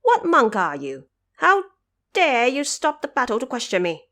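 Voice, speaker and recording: A woman's voice: high voice, huge pitch swings, unhurried, a bit bright, voice pushed up, heavily acted. A woman voicing a brash, boastful immortal monkey king with a defiant, declamatory manner in an audio drama. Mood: indignant. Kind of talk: audio drama character acting.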